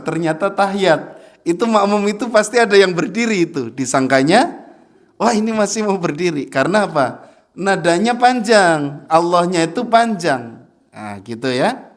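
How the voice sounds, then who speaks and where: Ustadz guy giving a casual mosque lesson, laughs a lot, kinda high voice. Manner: chatty, laughs often, chants verses slowly as examples. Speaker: ustadz teaching Quran recitation.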